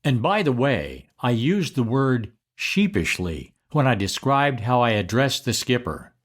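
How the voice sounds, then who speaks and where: An older man narrating a personal memory in a slow, deliberate storytelling manner. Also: medium pitch, big pitch swings.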